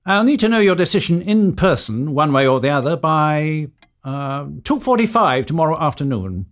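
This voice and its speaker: Man doing a stuffy formal lawyer, precise, highish voice that rises and falls a lot, radio play. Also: very animated, normal speed. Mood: officious. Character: formal, punctilious solicitor executing a will. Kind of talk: audio drama acting.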